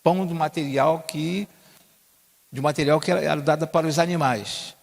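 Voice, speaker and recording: Male pastor, sermon, slightly high voice, emphatic repeats, reverberant church hall. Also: fairly even intonation, moderate pace, gravelly. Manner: repeats key phrases, rises to emphatic peaks.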